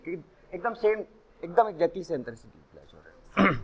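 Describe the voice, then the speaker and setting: A man's voice: high-pitched, lively intonation, moderate pace, husky. A male chemistry teacher giving a classroom lecture, mixing Hindi and English and constantly quizzing his students with questions.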